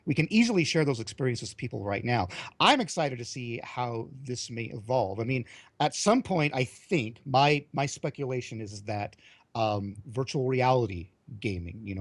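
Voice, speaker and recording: A middle-aged man on a podcast, musing in a thoughtful, unhurried way. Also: medium pitch, no room sound. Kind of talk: casual podcast chat.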